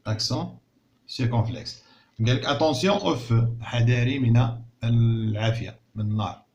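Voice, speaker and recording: A man teaching a recorded lesson in Moroccan Arabic. He repeats words slowly and carefully, then explains them in Arabic. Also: medium pitch, darkish tone, muffled recording, slight background noise. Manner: slow, drawn-out word repetition. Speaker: primary school teacher.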